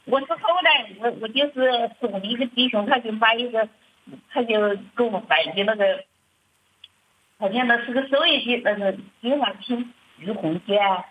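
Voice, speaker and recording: A woman's voice: on the high side, animated, moderate pace, breathy edge. A middle-aged woman, a church member, telling her family troubles in a hesitant, plaintive way, often repeating words and restarting. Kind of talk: halting personal account. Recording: muffled lo-fi recording.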